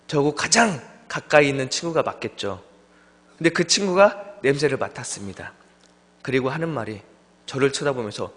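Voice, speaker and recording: Young male preacher in echoing church. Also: medium pitch. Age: young adult. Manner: lively storytelling, acts out friends' voices. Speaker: junior pastor. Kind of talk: sermon. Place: church sanctuary. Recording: long church hall reverb.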